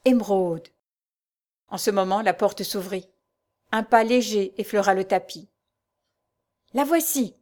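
A woman narrating a novel aloud in a measured, literary reading style. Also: mid-range voice, level tone, a little mellow. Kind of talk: audiobook narration.

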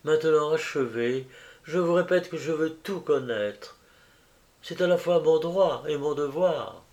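Man doing young grieving woman, pleading, higher voice, slow storybook reading. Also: darkish tone, natural voice. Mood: resolute. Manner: pleading, emotional.

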